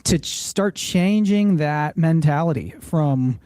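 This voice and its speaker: A man's voice: on the high side, expressive, slow, a little mellow. A man hosting a finance podcast, explaining retirement planning in a casual, earnest way and often restating a point to reframe it. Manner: earnest, explanatory, repeats phrases when reframing. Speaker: financial planner, show host.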